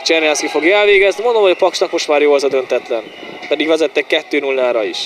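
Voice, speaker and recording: Male football commentator, excited home-side sports call, fairly high voice, noisy outdoor stadium recording. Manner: excited, partisan, short exclamations and repeated player names. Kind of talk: live football match commentary.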